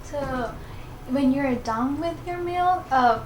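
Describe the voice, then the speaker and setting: A high-pitched woman hosts a meal in an encouraging, friendly way, coaching her guests through phrases. The room rings with echo, and restaurant noise runs underneath. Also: takes it slowly, recorded from a distance. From Japan. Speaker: host. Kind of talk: casual chat over a meal.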